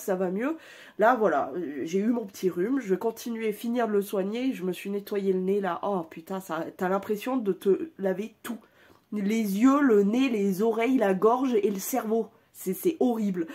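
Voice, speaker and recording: A woman's voice: medium pitch, darkish tone. A woman vlogger chatting casually at home, informal and chatty, with the odd casual swear word. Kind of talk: casual vlog chat.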